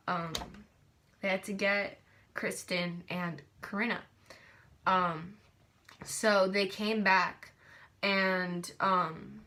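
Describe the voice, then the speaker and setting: A woman's voice: medium pitch, pushed and bright. A teenage girl telling a storytime vlog in a rambling, gushing way, with lots of fillers and restarts, recorded on a tablet. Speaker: vlogger. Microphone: tablet camera.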